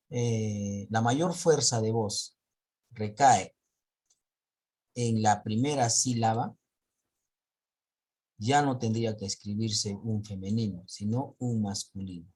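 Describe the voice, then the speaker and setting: Man, teacher, husky voice, step-by-step grammar explanation, online class. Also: fairly low pitch, darkish tone. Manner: explains step by step, checks with students.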